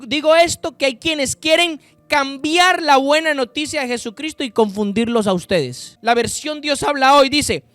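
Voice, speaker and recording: Male preacher, high voice, emphatic sermon delivery, speaks straight to his listeners, dry close sound. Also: fairly bright tone, no room sound. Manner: slow, emphatic scripture reading with sudden pitch rises and drops; addresses listeners directly. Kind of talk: sermon with Bible reading.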